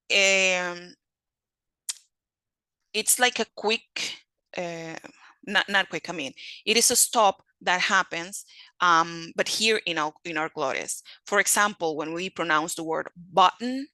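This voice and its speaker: Woman lecturer with a bright voice, unhurried and methodical, teaching phonetics with a dry close sound. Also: on the low side, no room sound, poor audio. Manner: slow, methodical, repeats example words.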